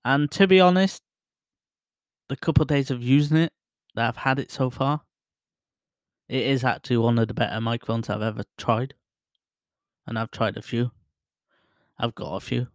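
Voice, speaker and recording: The recording is dry, and the man's voice, which people describe as soothing, is medium-pitched. Wearing headphones and speaking close into a studio mic at his desk, he rambles through a casual review of the microphone he's trying out, self-deprecating and laughing at himself.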